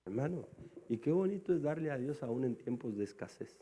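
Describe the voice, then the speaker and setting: Impassioned preacher with a soaring voice. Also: male voice, expressive, brisk, a little hiss or hum. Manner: swings between soft, low asides and loud, high-pitched exclamations; calls the congregation "hermano" again and again. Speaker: pastor. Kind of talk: sermon.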